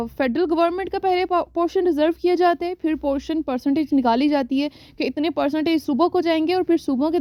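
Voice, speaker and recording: High-voiced Pakistani woman teaching exam revision. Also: darkish tone, dry recording. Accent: Pakistani Urdu. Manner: reads English questions slowly, then explains in Urdu, repeating "theek hai".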